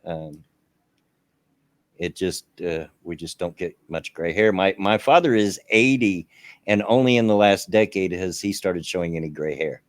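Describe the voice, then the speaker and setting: A man in his fifties with a low, expressive voice hosts a casual livestream chat from home on a laptop camera, speaking at a normal pace with no echo. He rambles and reads chat messages aloud.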